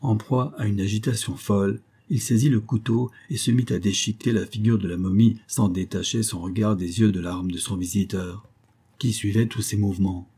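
A man narrating a translated classic short story in a steady, measured way. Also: lowish voice, breathy edge. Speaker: audiobook narrator. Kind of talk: scripted narration.

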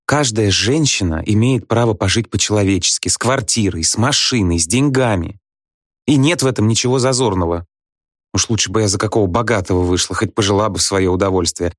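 A man reading a story aloud, voicing a bitter, scornful young wife who scolds her husband in quick reproachful outbursts. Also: on the low side, no room sound, studio quality, close to an everyday voice. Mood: shrill.

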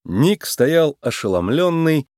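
Guy reading a kids storybook aloud, lively up and down voice, dry close mic. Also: a little high, slow, no room sound. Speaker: narrator.

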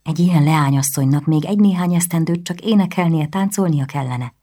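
A woman's voice: sits low, mellow. A woman reading the lines of a polite, persistent young nobleman in a historical audiobook. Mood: courteous.

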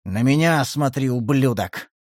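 A menacing young half-elf snarls his threats in a low, hissing growl, as a male audiobook reader puts him on. The voice sits well below the reader's own, close and dry with no room sound. Storybook villain-turned-victor energy. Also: moderate pace, husky, no room sound. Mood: roaring.

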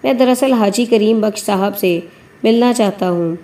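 A woman reading a polite, earnest young reporter in a mellow audiobook. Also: medium pitch, natural voice.

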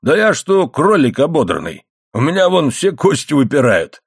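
A man doing a loud grumbling old-style coal miner. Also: fairly high pitch, big pitch swings, moderate pace, no room sound, studio quality, voice pushed up. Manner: loud, complaining, exclaiming in a raised voice. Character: grumbling middle-aged male coal miner, childish and touchy.

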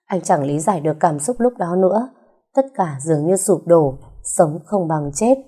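A woman reading an audio story gives voice to a devoted young husband, speaking gently and reassuringly. His tone is low and mellow, close to the storyteller's own. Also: lively intonation, moderate pace, breathy edge. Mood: tender.

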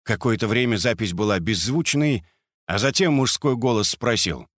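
A man narrating a crime audiobook in a steady, even reading manner. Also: on the low side, moderate pace, dry recording, studio quality.

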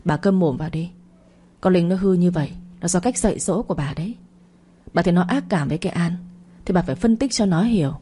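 A woman's voice: on the low side, quick pace, dark tone, husky. A woman doing a stern scolding father. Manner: scolding, reproachful. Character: stern angry father, middle-aged man.

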